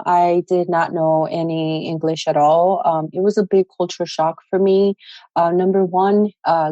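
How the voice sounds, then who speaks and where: Speaking as a podcast guest in a relaxed interview, this woman in her twenties from El Salvador, a native Spanish speaker, shares her story earnestly and plainly, filling it with fillers. Her voice is fairly low and dark in tone, recorded roughly but without echo.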